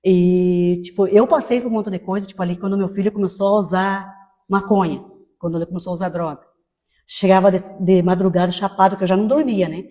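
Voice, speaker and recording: A woman in her fifties giving a personal testimony in a conversational way, tagging many phrases with quick questions. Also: mid-range voice, dark tone, in a large hall, dull audio. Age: 50s. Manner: conversational, tag questions after most phrases. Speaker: testimony speaker.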